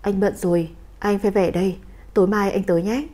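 A cold, commanding crime boss, voiced by a woman reading a story aloud. He speaks in short, calm, firm sentences, never raising his voice. The tone is mellow and soft-edged, at a middle pitch. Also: fairly quick, lightly acted. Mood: gentle.

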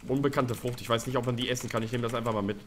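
A man hosting a co-op survival game let's play, chatting casually, swearing and breaking into excited shouts. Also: mid-range voice, racing, slight background noise. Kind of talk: casual co-op gaming chat.

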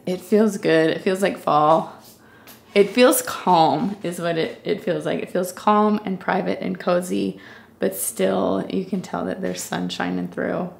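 A young woman chatting casually about her home, upbeat and quick to laugh. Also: lowish voice, creaky, slight background noise. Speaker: vlogger. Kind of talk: casual home tour chat. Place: bathroom of a new house.

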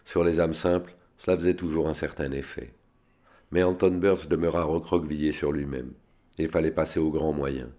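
A man reads a spy novel aloud in a steady, unadorned way. His voice is extremely deep and low throughout. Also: normal speed. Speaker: reader.

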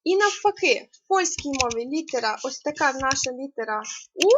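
High-voiced woman teaching a lesson. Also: expressive, moderate pace, highs cut off, noisy background. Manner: patient, explains step by step with many fillers. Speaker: Polish language tutor. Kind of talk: online language lesson.

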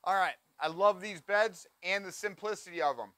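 A man's voice: high voice, normal speed, bright, forceful tone, no echo. A man in his forties giving an enthusiastic walkaround tour of a camping trailer, recorded on a lapel mic. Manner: enthusiastic, pointing things out as he walks. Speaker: trailer reviewer. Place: inside and around a cargo trailer on an outdoor lot.

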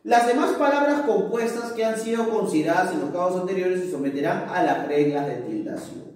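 A man's voice: high voice, animated, fairly quick, darkish tone, far from the mic. A male teacher explaining a grammar lesson patiently, often checking with his students by asking if they follow. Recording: echoey room, voice from off-mic.

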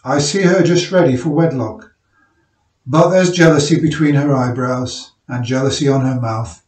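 A man's voice: mid-range voice, fairly even intonation, a little mellow, reverberant, distant mic, natural voice. A man voicing a big, indolent miner husband who talks easily and unhurriedly. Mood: solemn. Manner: easy, slow-witted, unhurried.

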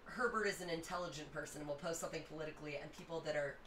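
A woman in her thirties with a slightly hoarse voice, hosting a casual livestream and chattily reacting to viewer comments. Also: sits low, very fast, a bit bright, far from the mic. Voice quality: hoarse, rough-edged. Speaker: livestream music host. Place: small home music room, indoors. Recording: roomy, off-mic, faint background noise.

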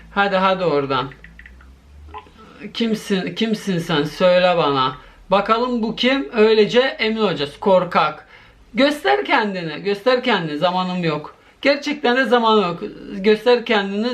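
Excitable man reacting to a call. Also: high-pitched. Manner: excitable, jumpy, swings to loud disbelief. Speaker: horror YouTuber. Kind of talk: reacting to a video call, addressing viewers.

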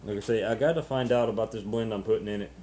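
Low, mellow, halting man, noisy webcam audio. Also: fairly even intonation. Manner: halting, ruminative, repeats words. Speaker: pipe-smoking vlogger. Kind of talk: casual unscripted chat to camera.

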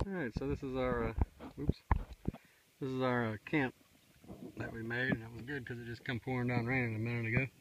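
A middle-aged man rambles easily about camp life, recorded on a handheld camera out in the woods. His voice sits at an ordinary pitch, and steady outdoor noise runs underneath. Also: a little fast, pauses often. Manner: folksy, rambling, drawling with many fillers. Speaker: outdoor survival vlogger. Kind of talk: casual outdoor vlog. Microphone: handheld camera at arm's length. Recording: outdoor camera mic, noisy.

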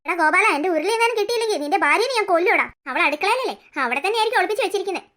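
A fiery old grandmother from a cartoon story, as a voice actor puts her on, who scolds and threatens at speed. The voice sits extremely high and bright, and the lines tumble out fast. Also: expressive, slight background noise, full character voice. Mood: angry. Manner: scolding, threatening, quick-talking. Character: hot-tempered old grandmother, possessive and shouting.

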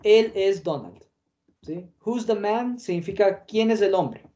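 A man's voice: sits high, animated, unhurried, warm tone, slight background noise. A man teaching an English lesson online, explaining patiently with fillers, in dull lo-fi audio.

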